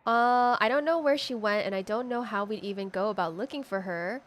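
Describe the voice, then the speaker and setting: A woman's voice: mid-range voice, fairly quick. A woman giving casual commentary on a video game and reading its text aloud as a streamer. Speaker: gaming streamer.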